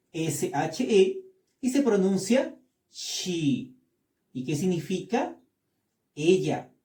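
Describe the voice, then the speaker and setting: High mellow guy teaching a class real slow, repeats stuff, kinda far off the mic. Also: echoey room. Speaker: English teacher. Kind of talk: classroom lesson.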